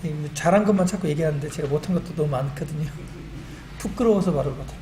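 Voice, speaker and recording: A middle-aged man giving a church testimony, animated and self-deprecating, recorded in a church meeting hall. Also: fairly high pitch, very fast. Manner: animated and self-deprecating, quotes his own prayers. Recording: echoey hall with faint room noise.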